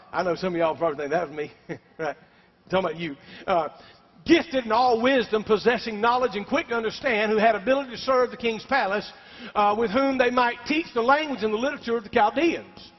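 A pastor preaches to his congregation in a strikingly high voice, pressing his points and drawing out amens. His voice carries a long reverb off the church walls. The recording sounds dull and muffled. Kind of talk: sermon. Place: church sanctuary.

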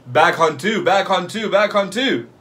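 A young man giving excited live reaction commentary in casual street slang, swearing freely and repeating short phrases. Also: high voice, measured pace. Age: young adult. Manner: casual street slang, like "yo", "fam", "bro", "no cap". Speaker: anime reaction host. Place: small bedroom or home room, indoors.

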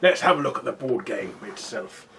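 A man's voice: medium pitch, animated, gravelly, fairly bright tone, a little hiss or hum. A man co-hosting a casual board game review, laughing often as he jokes. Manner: giggly, quick to laugh. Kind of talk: casual comedic chat.

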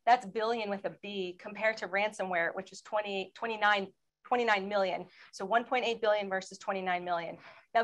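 A woman's voice: mid-range voice, poor audio. Woman presenting at a webinar. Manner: steady, explanatory, asks for slide changes. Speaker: federal law enforcement panelist.

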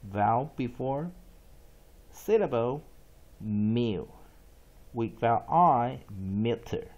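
A man teaching English spelling and pronunciation, spelling words out letter by letter and repeating each one slowly. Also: mid-range voice, animated, darkish tone, dull audio. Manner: slow, drawn-out repetition of words and letters.

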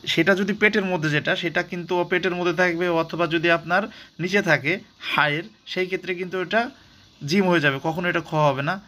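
A man teaching Arabic letters in a patient recitation lesson, repeating each sound slowly and asking and answering his own questions. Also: sits high, fairly even intonation, sharp tone.

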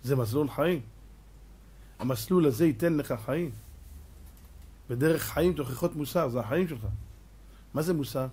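A man, a rabbi, giving a lively religious lecture, firing rhetorical questions at his listeners and acting out little scenes with sound effects and mock voices. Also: on the high side, pauses often, slightly rough. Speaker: rabbi giving a Torah class.

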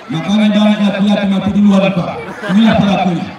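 Man, high voice, joking crowd speech, booming echo with a crowd behind. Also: fairly even intonation, quick pace. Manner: joking, loud, acts out little dialogues. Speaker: speaker at a campaign welcome. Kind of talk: humorous moral speech to a crowd. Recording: heavy echo, far from the mic, crowd noise.

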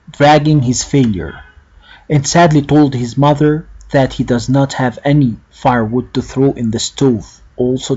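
A man reads a children's story aloud at a very slow, deliberate pace. His voice is husky and mid-pitched. The recording sounds dull and lo-fi. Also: a little mellow.

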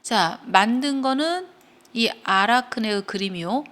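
A woman's voice: a little high, animated, measured pace, a bit bright. A woman teaching English grammar to students, explaining step by step and checking in with them often as she retells a story.

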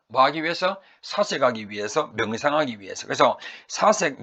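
A man teaching English vocabulary in Korean with a Korean accent. He asks his own questions, answers them, and repeats each word slowly to drill pronunciation. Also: medium pitch, pushed and bright, breathy edge. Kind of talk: recorded vocabulary lecture.

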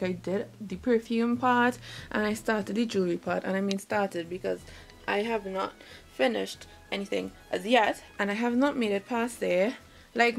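This woman's mid-range voice has a gravelly texture. In her twenties, she's recording a casual vlog in a small bedroom on a handheld camera at arm's length, rambling loosely and fixing her own words mid-sentence.

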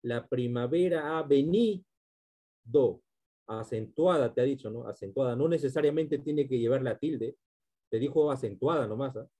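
Husky, mellow-voiced male teacher. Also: mid-range voice, fairly quick. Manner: explains step by step, often checks in with the class. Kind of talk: online literature class.

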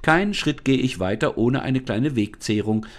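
A man's voice: medium pitch, lively intonation, normal speed, pitched above the performer's own voice, close to an everyday voice. A man voicing a fussy, caring mother in a storybook reading, speaking in a raised, urgent voice.

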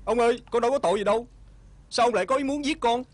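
Someone playing a jittery fast-talking young villager. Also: medium pitch, slight background noise, lightly acted. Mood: frightened. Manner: rapid questioning. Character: naive young village man, curious and scared.

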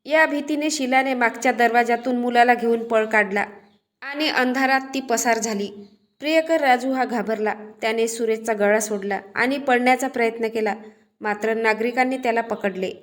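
A woman narrating a true crime story in a steady, scripted storytelling delivery. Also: fairly high pitch, normal speed.

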